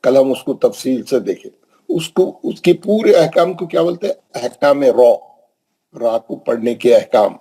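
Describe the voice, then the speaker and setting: A man teaching Quran recitation rules, asking questions and answering them, with slow drawn-out recited examples. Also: medium pitch, lively intonation, warm tone, husky, low-quality recording. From Hyderabad, India. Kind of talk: classroom tajweed lesson.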